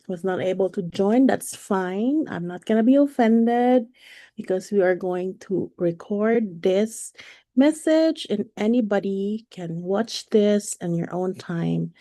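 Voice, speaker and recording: A woman, a perimenopause coach giving a live online presentation in a halting way, with frequent fillers and self-corrections. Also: medium pitch, warm tone, no room sound, studio quality. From Philippines. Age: 40s.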